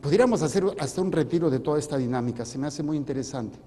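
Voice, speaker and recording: A priest preaching a sermon, firing questions at his congregation and swinging between loud stresses and quiet asides. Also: a little high, quick pace. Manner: questions the congregation directly, calls on listeners. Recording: long hall reverb.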